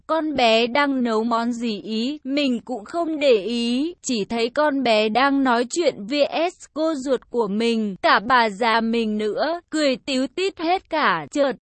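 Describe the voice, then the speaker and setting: A woman's voice: on the high side, a little slow, hardly any pauses, dry recording. A woman reading an online love story aloud in a casual, slangy first-person narration. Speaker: story reader.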